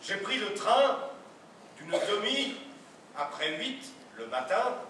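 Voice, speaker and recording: A rigidly polite gentleman, played by a man in a live absurdist play, speaking with a formal, ceremonious deadpan. His voice sits high and bright and moves at an unhurried pace. It is caught from far off on an echoey theatre stage. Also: slight background noise, exaggerated voice. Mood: stiffly polite. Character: stiff, overly polite middle-class husband. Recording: echoey stage sound from a distant mic.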